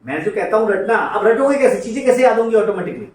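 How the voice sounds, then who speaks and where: A man's voice: high-pitched, lively intonation, quick pace. A man teaching accounting to a class, drilling students to repeat entries and scolding them in a familiar, coaxing way. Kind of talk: classroom lecture. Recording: echoey room, distant mic, faint noise.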